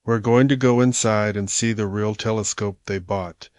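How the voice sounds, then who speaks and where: A man's voice: lowish voice, fairly even intonation, normal speed, dry recording, clean studio sound. A man narrating and chatting on a museum tour, in a plain, matter-of-fact way. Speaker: vlogger touring a museum. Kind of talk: casual narration and chat. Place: museum observatory.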